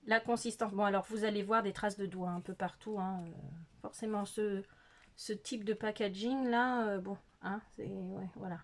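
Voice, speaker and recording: A woman's voice: medium pitch, steady tone, normal speed. A middle-aged woman chatting casually through a makeup tutorial in her bedroom, filmed on a phone, hesitant and full of fillers, laughing at herself. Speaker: beauty vlogger. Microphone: phone camera.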